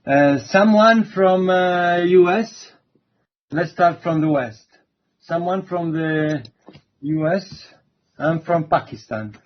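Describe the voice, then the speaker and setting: A man's voice: sits high, highs cut off. A man giving an online introductory university lecture, hesitant and full of fillers. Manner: slow, hesitant, many fillers.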